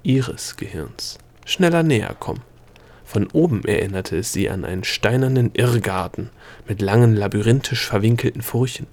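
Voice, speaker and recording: A man reading a fantasy novel aloud as narrator, calm and even in his storytelling. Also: lowish voice, moderate pace. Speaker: audiobook narrator. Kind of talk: scripted narration.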